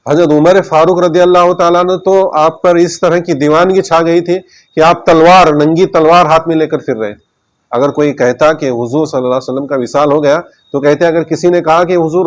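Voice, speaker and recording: Emotive higher-voiced male preacher. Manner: emotive retelling with repeated phrases. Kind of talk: devotional sermon storytelling.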